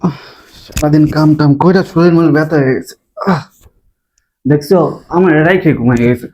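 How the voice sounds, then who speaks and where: An actor playing a put-upon young son-in-law back from abroad who pleads and complains. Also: male voice, high voice, quick pace, a little mellow, a little hiss or hum, close to an everyday voice. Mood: weary. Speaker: husband.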